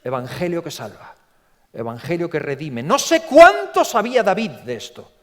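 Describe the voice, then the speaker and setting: Animated preacher from in a big hall. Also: male voice, a little high, normal speed. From Spain. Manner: animated, repeats words, acts out quotes in a story. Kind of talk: sermon. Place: large church. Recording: long reverb from a church hall.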